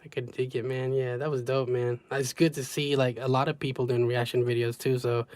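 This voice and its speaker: A man's voice: mid-range voice, little pitch movement, a little fast, a little mellow, no room sound. A man hosting a podcast in a casual, slangy chat, often saying "you know". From United States. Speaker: podcast host.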